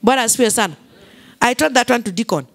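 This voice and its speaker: A woman's voice: fairly high pitch, fast. A Kenyan woman pastor preaching a sermon, repeating key phrases, mixing English with Swahili and calling for responses from the congregation.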